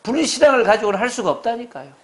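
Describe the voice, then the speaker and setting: Male pastor preaching, kinda high voice, jumps all over in pitch, keeps asking the crowd questions. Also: lively intonation, very fast. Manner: emphatic preaching with frequent questions to the congregation. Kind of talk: sermon.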